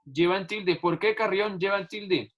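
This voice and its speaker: A man's voice: sits high, a little slow, fairly bright tone, lo-fi sound. A male teacher explaining a lesson over a video call, patiently stretching out key words and repeating examples. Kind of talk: online class explanation.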